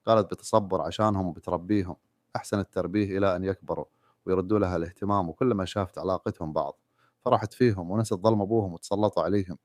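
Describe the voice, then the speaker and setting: A man tells a sad story with a steady, even delivery. His voice is deep and very fast. It is recorded close and dry, with no echo. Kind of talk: storytelling narration.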